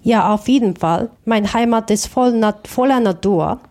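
A woman's voice: medium pitch, unhurried, a little mellow. A woman from Japan, a Japanese native speaker, answering interview questions about her art in a careful, thoughtful way with small restarts. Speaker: artist.

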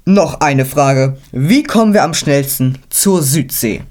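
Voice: mid-range voice, expressive, slow pace, a little mellow. A storyteller voicing a polite, formal uncle on an adventure in a storybook reading. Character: courteous, adventurous old uncle.

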